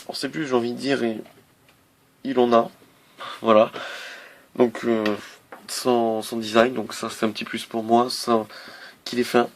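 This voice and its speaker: A man's voice: medium pitch, flat delivery, unhurried, pauses often, slight background noise. A man casually reviewing a laptop on camera, hesitant, with many fillers and restarts. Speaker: tech reviewer.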